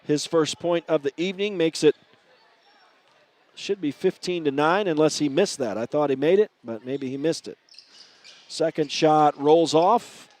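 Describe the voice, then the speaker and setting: A man calling a high school basketball game play-by-play, chatty and often correcting himself on air. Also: measured pace, darkish tone. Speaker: play-by-play announcer.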